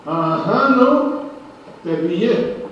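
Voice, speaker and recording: A man voicing a harsh male servant who roughly demands what he is owed in gruff, loud outbursts, in an echoey hall. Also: sits high, lively intonation, extremely slow, slight background noise, heavily acted. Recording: distant echoey hall, dull sound.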